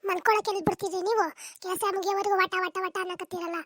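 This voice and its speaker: Woman doing a high-pitched cartoon daughter-in-law, snappy comebacks, rattles off fast. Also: steady tone, fairly bright tone, no echo. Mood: retorting. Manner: quick, retorting, argumentative. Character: sharp-tongued young daughter-in-law, defensive. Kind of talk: comic cartoon dub.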